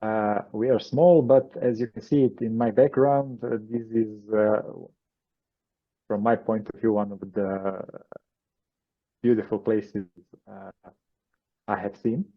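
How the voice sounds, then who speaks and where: A Croatian man with a fairly low voice tells his story in a halting way, full of "uh" and restarts. The sound is dull and lo-fi, as over a video call. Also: steady tone. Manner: hesitant, many fillers and restarts. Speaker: guest channeler. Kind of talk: interview answers.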